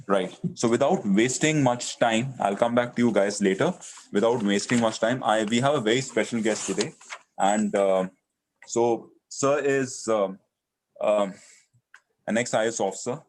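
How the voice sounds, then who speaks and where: Indian guy with a lowish voice hosting a live session, kinda halting as he presents. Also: a little hiss or hum. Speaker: session host introducing a guest. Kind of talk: presentation and guest introduction in a live online session.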